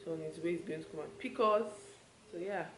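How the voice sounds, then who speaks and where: A young adult vlogger from Nigeria talks fairly quickly in a low voice, chatting to camera in her hotel room with a Nigerian accent. She sounds relaxed and chatty, stringing thoughts loosely together. The arm's-length handheld camera mic makes for a roomy recording with clear background noise.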